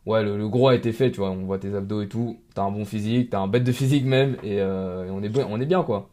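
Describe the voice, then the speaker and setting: A man's voice: lowish voice, quick pace, warm tone. A young man, a coach, interviewing a client in casual, slangy chat. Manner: informal, slangy.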